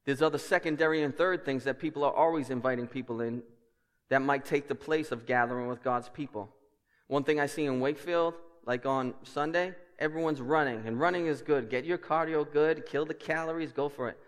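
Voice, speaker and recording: Male preacher, fairly high voice, big reverberant hall; emphatic sermon built on repetition. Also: brisk. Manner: repetitive, emphatic phrasing with rhetorical questions. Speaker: pastor. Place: large indoor church hall. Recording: echoey hall with long reverb.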